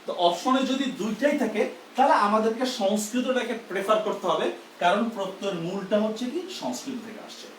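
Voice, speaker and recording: A man's voice: high voice, a little fast, roomy sound, far from the mic, slight background noise, rough recording. A man teaches a grammar lesson live. He explains step by step and keeps asking whether the class understands.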